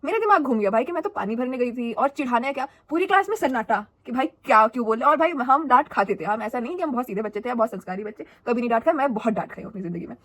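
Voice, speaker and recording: Fast-talking young woman telling a story. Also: on the high side. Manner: animated, dramatic, chatty. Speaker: vlogger. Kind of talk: casual storytime vlog.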